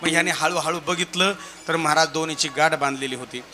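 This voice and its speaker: A male kirtan preacher with a slightly high, somewhat quick, sharp-toned voice tells a funny devotional story, repeatedly addressing and quizzing his audience. It is recorded live, with instrumental music playing.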